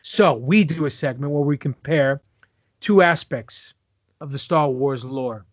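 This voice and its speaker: A man's voice: medium pitch, unhurried, no room sound. A man hosting a casual fan podcast, introducing segments in a playful, showman-like way. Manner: playful, showman-like, explaining wrestling lingo. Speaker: podcast host. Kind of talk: casual chat.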